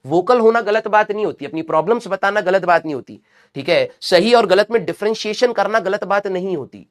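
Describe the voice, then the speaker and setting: A male teacher speaks with a Hindi accent in a fairly high voice. He is unwell and talks slowly, but still lectures and scolds his students, calling them "beta.". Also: a bit bright. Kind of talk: lecturing students in a live class.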